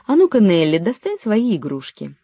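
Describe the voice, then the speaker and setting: A woman voicing a friendly shopkeeper's wife who speaks in a welcoming, brisk way. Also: mid-range voice, huge pitch swings, mellow, breathy edge, dry recording, studio quality, exaggerated voice.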